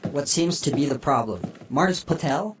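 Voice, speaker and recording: A gentle care robot, a computerized doctor that speaks in a mid-range voice, courteous and formal. It sounds measured and helpful in an audio drama. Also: mid-range voice, lively intonation, slight background noise. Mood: polite. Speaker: infirmary computer.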